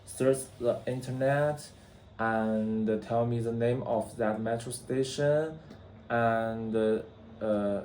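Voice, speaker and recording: Halting, slow man. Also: medium pitch, fairly even intonation, a little mellow, echoey room, slight background noise. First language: Mandarin Chinese. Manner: halting, hesitant, many fillers. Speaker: English learner. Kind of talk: practice conversation.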